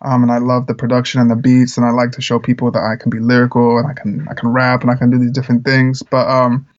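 A man's voice: mid-range voice, completely flat delivery, fast talker, lo-fi sound. A man who grew up in the Czech Republic, a musician guest talking earnestly in a casual interview, with lots of fillers. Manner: earnest, rambling with frequent fillers.

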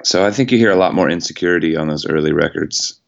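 Low-voiced reflective male singer-songwriter. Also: fast talker, creaky, dull audio. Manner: casual and reflective, many fillers like "you know" and "like". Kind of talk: relaxed conversational interview.

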